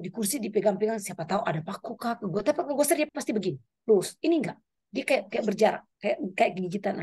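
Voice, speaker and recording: At a women's prayer meeting, a middle-aged woman delivers a lively testimony sermon, telling her story in an animated way. Her pitch swings up and down throughout, and her voice has a breathy edge.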